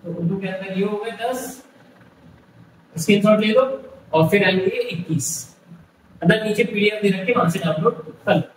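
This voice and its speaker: A man's voice: high voice, normal speed, long pauses, roomy sound, distant mic, a little hiss or hum, rough recording. A male tutor explaining an entrance exam syllabus, listing topics one by one and repeating himself. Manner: repetitive, lists topics one by one.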